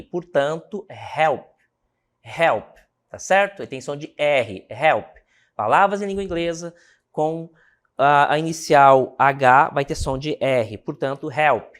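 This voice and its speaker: A man's voice: a little high, animated, measured pace, a bit bright. A man from Brazil teaching an English lesson, explaining step by step and checking in with the class.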